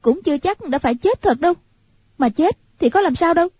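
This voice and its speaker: A woman's voice: very high-pitched, animated, brisk, darkish tone, dry recording, pitched above the performer's own voice. A woman voicing a clever, willful young heroine who speaks in a pleading yet commanding way. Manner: pleading and imperious. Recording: muffled lo-fi recording.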